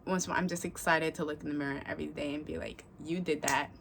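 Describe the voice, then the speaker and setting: A woman's voice: deep voice, steady tone, quick pace, vocal fry, background noise. A woman vlogger chatting candidly while she gets ready at home, rambling with restarts, casual swearing and little pep talks to herself. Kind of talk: casual get-ready-with-me vlog chat.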